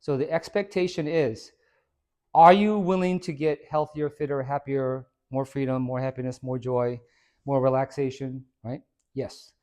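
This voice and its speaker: A man who is a fitness trainer, giving an informal, energetic talk to a small audience. He quizzes the listeners and tags many points with "right?". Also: mid-range voice, normal speed. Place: hair and skin salon, indoors.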